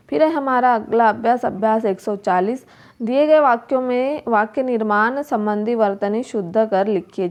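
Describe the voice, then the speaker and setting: A woman's voice: fairly high pitch, a little mellow. A woman teacher going through workbook exercises, repeating each word and asking questions aloud. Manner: slow, repeats words and asks questions to the pupils. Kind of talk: workbook lesson explanation.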